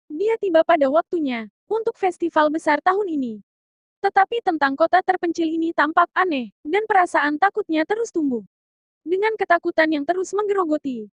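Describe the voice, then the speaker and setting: A woman narrates a scripted anime countdown as its host, addressing fellow fans. Her voice sits extremely high in pitch. The sound is dry, with very little room on it. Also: no room sound. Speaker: host of an anime recommendation list.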